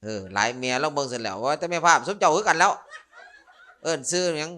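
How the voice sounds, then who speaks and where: A man's voice: fairly high pitch, lively intonation, fast, bright, forceful tone. A man who is a Buddhist monk, speaking with a Northeastern Thai Isan accent and giving a humorous Dharma sermon full of jokes, stories and playful asides to the listeners. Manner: joking, storytelling, playful asides to the audience.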